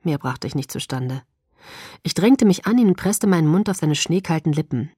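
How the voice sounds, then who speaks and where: Woman reading a novel aloud, husky, lowish voice, dry close sound. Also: animated, normal speed, warm tone, dry recording. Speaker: audiobook narrator. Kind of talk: scripted first-person narration.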